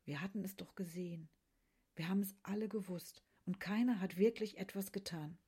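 Brief: female narrator for a quiet literary story, hushed delivery, mellow husky tone. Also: medium pitch, brisk. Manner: hushed, often dropping to a whisper.

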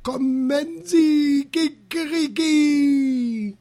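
Rinaldo, ein pompöser Zirkusdirektor mit krähender Fistelstimme. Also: male voice, sing-song, slow, dry recording, heavily acted. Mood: grandly declaiming. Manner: grandly declaiming, crowing falsetto shouts. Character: pompous male circus director, loves giving speeches.

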